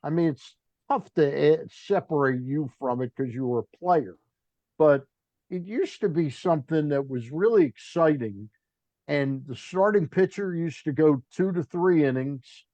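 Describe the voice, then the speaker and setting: A man's voice: fairly high pitch, animated, measured pace, warm tone, dry recording. An older man hosting a sports talk show in a chatty, rambling way that trails off mid-list. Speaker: radio sports talk host. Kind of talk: casual sports talk with live ad read. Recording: dull, dry, lo-fi studio sound.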